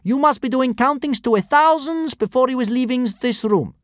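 A man's voice: very high voice, normal speed, no echo, clean studio sound, voice pushed up. A man voicing a burly male Roman thug in disguise who speaks in broken, garbled sentences. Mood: bossy. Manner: shouty, garbled grammar.

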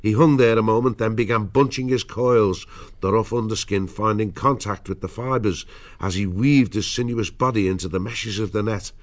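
Low-voiced male storyteller, slightly muffled. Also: fairly even intonation, normal speed. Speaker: audiobook narrator. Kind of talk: dramatic scripted storytelling.

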